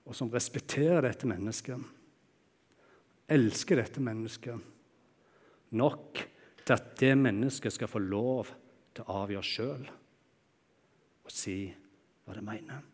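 A man preaching a sermon, moving between raised, emphatic lines and quiet, hushed ones. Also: long pauses, husky. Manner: expressive, swings from loud exclamations to hushed low tones. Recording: long hall reverb.

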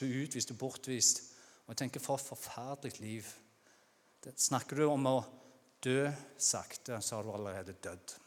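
Male preacher, Norwegian accent, mid pitch, chatty sermon delivery with acted outbursts, long hall reverb. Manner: conversational preaching, acts out shouted cries.

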